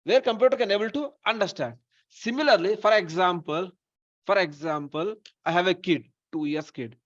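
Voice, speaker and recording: Male instructor, Telugu accent, somewhat high pitch, repetitive question-and-answer lecturing, dull lo-fi recording. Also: normal speed, fairly bright tone. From Telugu-speaking region of India. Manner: repeats phrases, poses questions then answers them himself. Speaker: data science instructor. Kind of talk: informal live class with questions to students.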